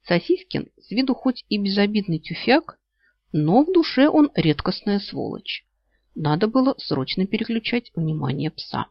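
Audiobook narrator: a wry, expressive woman, animated intonation, dry close recording. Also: medium pitch, moderate pace, vocal fry, no room sound. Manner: wry, expressive first-person storytelling. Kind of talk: narrating a humorous fantasy novel. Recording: slightly dull lo-fi audio.

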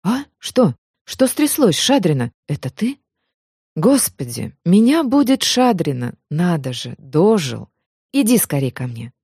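A woman's voice: on the low side, very animated, a little slow, warm tone, breathy edge, dry recording, clean studio sound, full character voice. A woman reading the part of a man, a teasing and affectionate lover, in an audiobook. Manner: bantering, affectionate.

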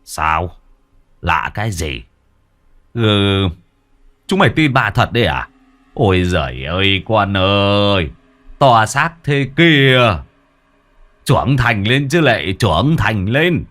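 A man's voice: on the low side, big pitch swings, takes it slowly, long pauses, a bit bright, heavily acted. A man voicing a coarse, swearing middle-aged rich landowner who bullies his workers. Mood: mocking. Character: gruff crude middle-aged male rich landowner, bossy.

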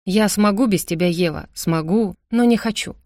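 A woman's voice: mid-range voice, normal speed, dry recording, studio quality, close to an everyday voice. A woman voicing an intense, possessive young man. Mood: pleading. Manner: insistent, then hushed and pleading.

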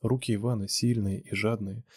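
A man reading a romance novel aloud in a steady, measured narration. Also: lowish voice, husky, dry recording, studio quality. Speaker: audiobook reader.

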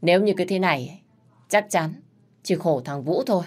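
A woman's voice: lowish voice, moderate pace, a little mellow, lightly acted. A woman voicing a stern older mother who lectures and scolds her grown daughter. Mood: scolding.

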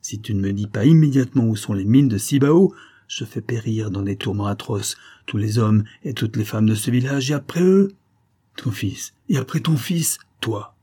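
A man voicing a furious, cruel Spanish captain in an adventure story, with loud roaring threats. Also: mid-range voice, lively intonation, normal speed, husky, pitched above the performer's own voice. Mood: raging threat.

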